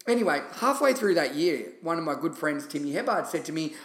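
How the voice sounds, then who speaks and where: An Australian man talks casually as a solo podcast host, chatty and enthusiastic. His voice is slightly high, and the recording has a clear roomy echo. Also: very animated, brisk, fairly bright tone. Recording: roomy, echoey sound.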